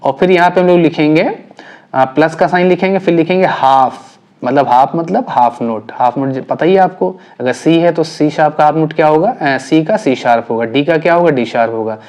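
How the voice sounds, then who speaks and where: A male music teacher walks through chord theory at an easy pace, repeating each step and asking if it is clear. His voice sits a little high for a man. He sounds like he is writing as he talks. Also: normal speed, darkish tone. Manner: patient, repeats points and checks understanding often.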